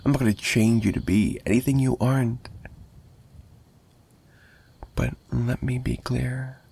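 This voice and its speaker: Warm and mid-range, this man's voice portrays a lovesick, obsessive mafia boss for intimate ASMR, possessive and menacing while still pleading. He speaks haltingly and repeats himself, slipping into breathy whispers.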